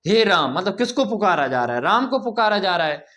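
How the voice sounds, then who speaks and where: Male teacher, high voice, asks and answers his own questions, informal grammar lesson. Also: big pitch swings, a bit bright. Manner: repeats key points as questions and answers them; informal, drawn-out explanations.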